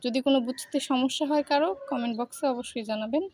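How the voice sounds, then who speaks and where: A woman teaching Arabic reading, spelling out each letter with its vowel and then joining the syllables in a slow drill. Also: high-pitched, a little mellow, a little hiss or hum.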